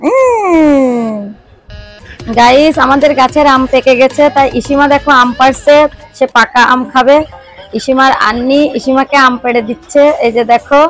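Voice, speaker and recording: A woman's voice: high-pitched, normal speed, soft background music. A woman vlogger coaxing and cooing in affectionate baby talk as she feeds and plays. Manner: sing-song, affectionate coaxing.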